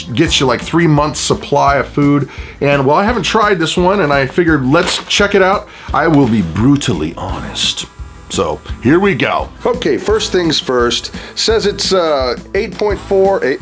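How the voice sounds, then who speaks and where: A man giving a casual food review, talking in a folksy, jokey way with playful asides. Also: a little high. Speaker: product reviewer.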